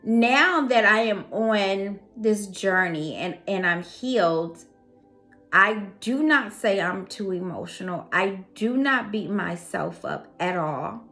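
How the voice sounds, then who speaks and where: Bright and forceful in tone, this mid-range-voiced psychic reader and host talks earnestly yet casually to her audience in a motivational vein. She repeats phrases to drive her points home.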